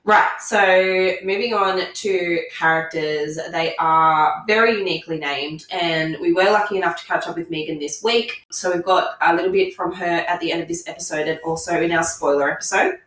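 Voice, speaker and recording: A woman co-hosting a podcast in casual book review chat, her voice croaky with creaky starts. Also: lowish voice, steady tone, moderate pace, hardly any pauses, fairly bright tone, recorded from a distance. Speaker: podcast co-host. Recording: echoey room, off the mic.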